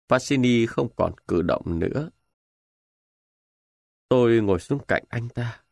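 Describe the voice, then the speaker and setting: A man narrating a war novel in the first person with dramatic, expressive delivery. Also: mid-range voice, dry recording, studio quality. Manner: expressive, emotional storytelling. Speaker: audiobook narrator.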